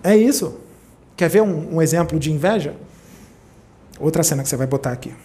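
A man giving an informal spiritual talk. He retells film scenes in an animated way and keeps checking in with his listeners. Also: fairly high pitch, a little fast. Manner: animated storyteller, acts out quoted characters; conversational, checks in with listeners often. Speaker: spiritual speaker.

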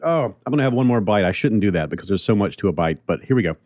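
A man's voice: on the low side, animated, rapid-fire, darkish tone, no echo, clean studio sound. A man hosting a podcast, tasting a treat and chatting with enthusiasm, now and then talking with food in his mouth. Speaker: podcast host. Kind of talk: casual tasting segment and outro.

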